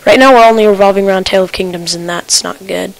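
A woman's voice: mid-range voice, steady tone, quick pace, gravelly, no room sound, poor audio. A woman giving casual gameplay commentary at her computer, rambling and talking to herself with stutters and restarts. Her keyboard clicks are picked up by the desk mic. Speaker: gamer. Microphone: desk computer mic picking up keyboard clicks.

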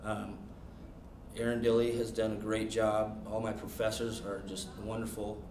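Guy in his 30s talking slow and even, low flat voice, far off mic in an echoey room. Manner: steady, many "um"s. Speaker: substitute teacher and baseball coach. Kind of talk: interview answers. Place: classroom, indoors. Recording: distant echoey classroom with noise.

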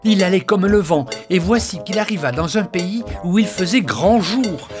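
A male storyteller reads a children's tale with very lively, expressive pitch that climbs and falls freely. Music plays clearly beneath his voice throughout. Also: normal speed. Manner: expressive, lively storytelling, hushed in calm parts.

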